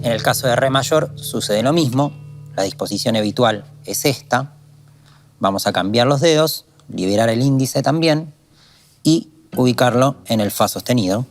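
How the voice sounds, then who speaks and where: A calm, methodical man from Argentina, explaining guitar strumming technique in a lesson. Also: medium pitch, normal speed. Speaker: guitar teacher. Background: guitar playing.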